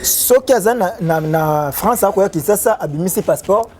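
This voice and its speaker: A Congolese man talks as a guest on a talk show, keen and animated as he explains. He sometimes reads formal clauses aloud and then breaks them down loosely. His voice sits a bit high, with a mellow, warm tone. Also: normal speed, a little hiss or hum. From Democratic Republic of the Congo.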